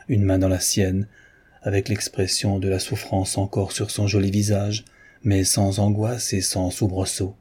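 A man narrating a classic novel in a measured, even reading style. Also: lowish voice, breathy edge. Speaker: audiobook narrator. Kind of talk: literary narration.

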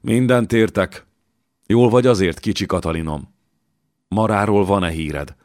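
An earnest young knight, as a male reader plays him speaks with tender respect in a low voice. The recording is close and dry. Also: a little mellow, no echo, close to an everyday voice.

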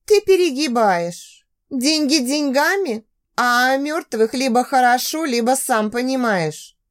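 A woman's voice: high-pitched, lively intonation, pitched above the performer's own voice. A woman doing a spiteful smug ex-friend. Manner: venomous, smug, drawn-out hissing.

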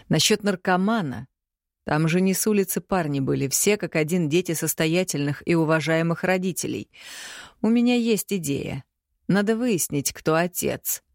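In an audiobook, a woman portrays a middle-aged father, harsh and domineering, making slow, commanding pronouncements in a low, firm voice. The sound is close and dry, without any room sound.

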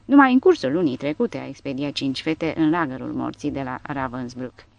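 A woman reading the part of a young captive woman who gravely accuses her keeper, in an audiobook. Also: a bass voice, animated, a little mellow, lo-fi sound, slight background noise, pitched below the performer's own voice, heavily acted. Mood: grave accusing.

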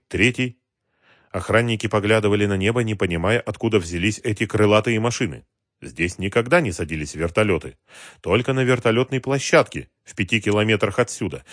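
A man narrating an audiobook in a measured storytelling voice. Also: on the low side, no echo, clean studio sound. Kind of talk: scripted narration.

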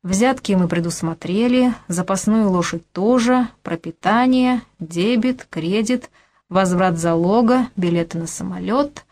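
A woman voicing a brisk middle-aged man, a scheming financier who lectures crisply and commands. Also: medium pitch, a little mellow, close to an everyday voice. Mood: lecturing. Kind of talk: audiobook character voice.

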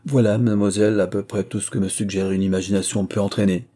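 A man reading aloud as a polite, shy young gentleman, speaking courteously. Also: on the low side, little pitch movement, lightly acted. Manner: courteous, measured.

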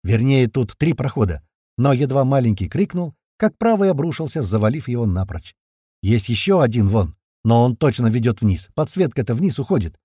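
A man's voice: mid-range voice, very animated, normal speed, mellow, breathy edge, no room sound, studio quality. A man narrating a first-person action audiobook in a terse, punchy, slangy manner.

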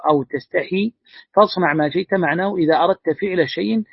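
Male sheikh, quick husky delivery, reads a text aloud and glosses it, dull dry lo-fi recording. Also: high voice, no echo. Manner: reads a classical text aloud, then adds brief plain remarks. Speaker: sheikh teaching hadith. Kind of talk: religious lesson reading and explaining a text.

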